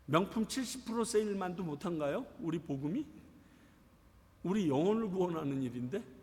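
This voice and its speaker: Man, pastor, sermon, lively storytelling, slightly higher pitch, long church reverb. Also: fairly quick. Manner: animated storytelling, acting out voices in dialogue. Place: church sanctuary.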